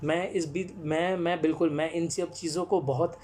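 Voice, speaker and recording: A man's voice: a little high, steady tone, moderate pace, darkish tone, slight background noise. A man, a storyteller and actor, speaks as the guest on a live-stream talk. He explains his craft earnestly and answers viewers' comments, slipping English phrases in among his sentences.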